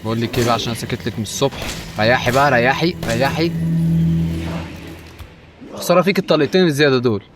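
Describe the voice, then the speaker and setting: A man's voice: mid-range voice, animated, music in the background. A young man with an Egyptian Arabic accent doing jokey, often panicked horror game commentary. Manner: jokey, rapid-fire, often panicked and pleading. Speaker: gaming YouTuber.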